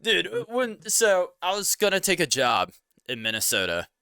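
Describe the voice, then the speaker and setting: Lively, bright-voiced young man chatting. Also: high voice, normal speed, smooth, dry recording, clean studio sound. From Cincinnati, Ohio. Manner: rambling, animated storytelling. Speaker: podcast co-host. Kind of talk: casual chat.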